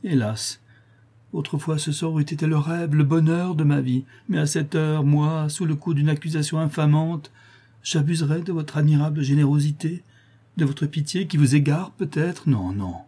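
A man reading an audiobook, voicing a despairing young male prisoner in a low, sorrowful delivery. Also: moderate pace, warm tone, breathy edge.

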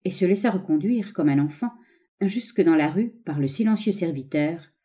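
Woman narrating with a very dark, mellow voice. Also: fairly low pitch. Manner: measured, expressive storytelling. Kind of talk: scripted audiobook narration.

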